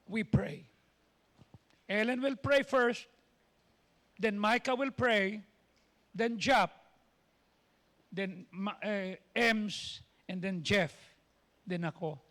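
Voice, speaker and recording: A man's voice: high voice, a bit bright. A man preaching a sermon as pastor, telling stories and acting out what people said, slipping English phrases into his talk. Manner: storytelling preacher, quoting people in voices. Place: church.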